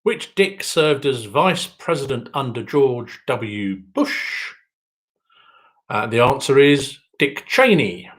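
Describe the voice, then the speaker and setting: A man's voice: medium pitch, sing-song, slow, poor audio. A man hosting a quiz, reading each question twice and adding dry joking asides. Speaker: quiz host.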